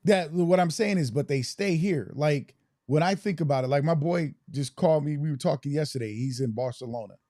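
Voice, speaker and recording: A German man co-hosts a podcast, speaking reflectively and telling stories in a casual discussion. His voice is a little high with a dark tone, and he talks briskly. The sound is clean studio quality with no echo.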